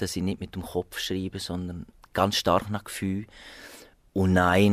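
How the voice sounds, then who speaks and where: On the radio, a man who arranges music and plays saxophone responds to interview questions in a Swiss German accent, hesitating thoughtfully and filling gaps with fillers and restarts. His voice sits low, with no echo.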